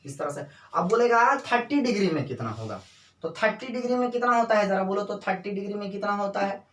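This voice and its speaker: A man teaching a physics lecture, constantly asking his students questions and answering them himself, repeating definitions slowly word by word. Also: high-pitched, lively intonation, a bit bright. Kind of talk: classroom lecture. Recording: echoey room, voice from a distance.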